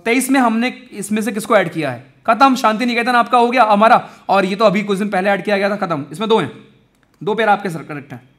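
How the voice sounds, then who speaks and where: Brisk and high-pitched, this young man teaches mnemonics for exam prep in a lively, talkative style, calling the people watching his friends and brothers.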